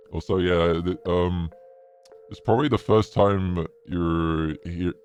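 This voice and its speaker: A man's voice: steady tone, takes it slowly, a little mellow, clean tone, dull audio. A man streaming casually through a demonic voice changer, sounding possessed while chatting in an everyday way. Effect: demonic deep voice changer. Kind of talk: casual livestream chat.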